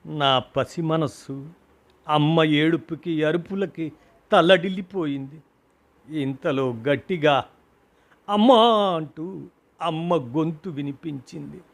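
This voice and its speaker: A man reading a grieving husband's story of loss, emotional and rising to cries at the peaks, in a storybook reading. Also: a little high. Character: grieving husband recalling his mother's death.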